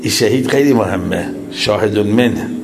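A man delivers a religious sermon in a reflective, measured way, leaning on rhetorical questions. His voice sits a little low. A faint hiss of background noise lies under the recording. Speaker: cleric.

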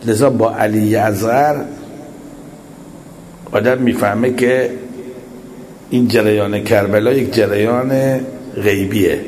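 A man delivers a religious sermon in a reflective, measured way, leaning on rhetorical questions. His voice sits a little low. A faint hiss of background noise lies under the recording. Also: darkish tone, low-quality recording. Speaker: cleric.

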